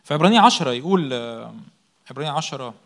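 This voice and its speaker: Young Egyptian preacher, bright and brisk, pounding points home with self-answered questions and repeated words. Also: male voice, on the high side, lively intonation. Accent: Egyptian Arabic. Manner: rhetorical questions answered by himself, emphatic repetition. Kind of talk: sermon.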